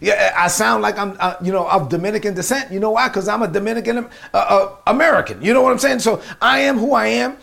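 A man's voice: high-pitched, quick pace, gravelly, hardly any pauses, fairly bright tone. A man with a Brooklyn New York accent preaching a motivational sermon, emphatically repeating key phrases and rhymes.

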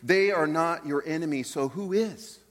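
A male pastor preaches in a conversational style, with a fairly high voice for a man. He leans on rhetorical questions and repetition to make his points. His words ring out with the long reverb of a big hall. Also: moderate pace. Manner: rhetorical questions, repeats phrases for emphasis. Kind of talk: conversational church sermon to a congregation. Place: large church hall, speaking live.

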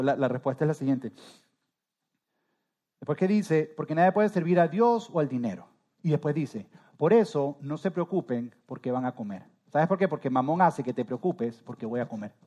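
A man preaching a sermon as pastor, rising suddenly to loud emphatic peaks and trailing off softly at the ends of phrases. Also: a little high, expressive, brisk, highs cut off.

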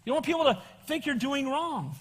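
Brisk and expressive, an older American preacher with a very high voice exhorts a congregation in a spacious church. The evangelical sermon is expository Bible teaching laced with casual asides and frequent prompts for amens, and the hall gives it a long, echoey reverb.

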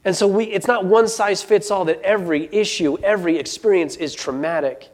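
A man with a somewhat high voice tells a story to an audience. He is earnest and often stumbles, restarting phrases and repeating words as he goes. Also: fairly quick. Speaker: speaker. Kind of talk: storytelling talk.

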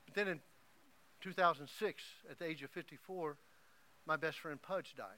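A middle-aged man from Oklahoma preaching a sermon, telling an emotional story that swings from hushed to loud. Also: fairly high pitch, normal speed. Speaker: pastor.

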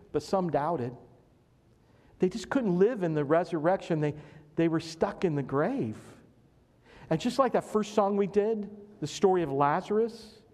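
Man, pastor, high voice, earnest sermon, repeats phrases, long church reverb. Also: a little mellow. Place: church sanctuary.

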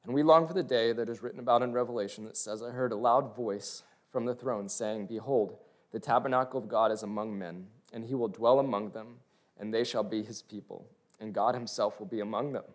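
A man's voice: on the low side, steady tone, a little fast. A man reading a prepared religious testimony aloud, including scripture. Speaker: speaker sharing testimony.

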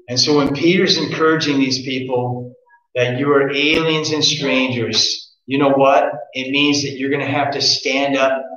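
A man's voice: mid-range voice, a bit bright. A man preaching a sermon, earnest and direct, asking his listeners pointed questions. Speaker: pastor. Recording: echoey muffled room recording.

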